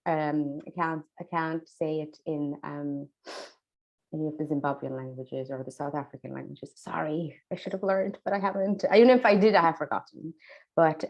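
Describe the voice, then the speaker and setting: A charity staff member chats in a casual conversation, enthusiastic and effusive, with lots of fillers and restarts. Her voice is low with vocal fry, and the audio sounds dull.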